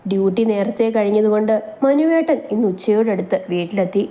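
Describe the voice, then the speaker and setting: Mellow woman reading a story. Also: mid-range voice, expressive, a little fast. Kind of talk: scripted story narration.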